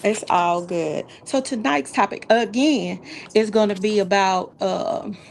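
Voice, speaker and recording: A woman hosting a casual talk show, chatting in an animated, folksy way and repeating words for emphasis. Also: mid-range voice, a little slow, vocal fry, slight background noise, poor audio. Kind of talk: casual live call-in style chat.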